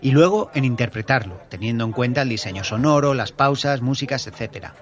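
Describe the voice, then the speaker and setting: A man hosting a podcast, answering listener questions in a measured, explanatory way as an audio drama director. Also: mid-range voice, animated.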